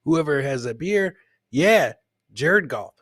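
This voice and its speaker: Slow-paced and expressive, this middle-aged man's voice is on the high side and fairly bright, captured dry and clean in the studio through a close boom podcast mic and headset. He hosts a live comedy stream, reacting to clips and chat and repeating phrases like a hype man.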